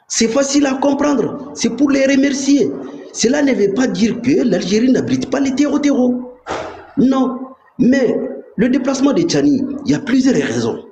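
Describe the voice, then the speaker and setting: A man's voice: very high voice, sing-song, moderate pace, mellow. Emphatic man in an echoey room. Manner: emphatic and insistent. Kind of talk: live political commentary. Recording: echoey room with faint noise.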